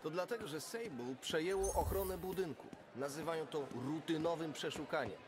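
A man's voice: fairly high pitch, a little fast, background noise, lightly acted. A man voicing a matter-of-fact apartment resident in a dubbed video game. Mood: resigned, explaining. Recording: music behind the voice.

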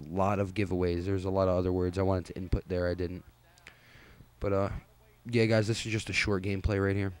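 A young man with a lowish voice gives relaxed, rambling commentary over his gameplay. He sounds tired and laid-back, and he pokes fun at himself as he goes. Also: clear, resonant tone. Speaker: gaming channel host.

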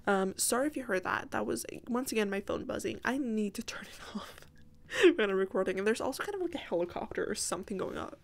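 A woman's voice: medium pitch, expressive, fast talker, gravelly, hardly any pauses. A woman giving a casual, rambling gaming voiceover, interrupting herself with asides, her sore voice strained and cracking now and again. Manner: chatty, self-interrupting, apologetic asides. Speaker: gaming video creator.

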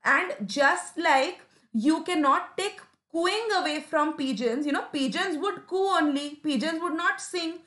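A young adult woman, a native Hindi speaker with an Indian English accent, explains a story line by line as an English teacher, often asking "right?" and saying "you know." Her high, fairly bright voice is a little slow with hardly any pauses, in an echoey room.

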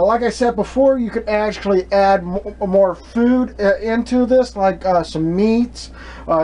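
The speaker is a young man hosting a relaxed cooking demonstration in his small kitchen, filming himself at the stove with the camera mic. His high voice is a bit mellow, and he wanders through his talk with frequent fillers and restarts. Recording quality is low.

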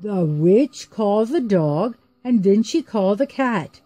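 A woman narrating a rhyming story in an expressive, sing-song way. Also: mid-range voice, unhurried, no echo, faint music behind.

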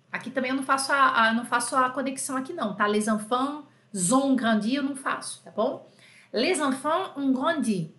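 A woman's voice: a little high, a bit bright, roomy sound. A woman from Brazil teaching French in a live online class, chatty and affectionate, often checking in with her students. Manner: chatty, affectionate diminutives, frequent "tá?" check-ins.

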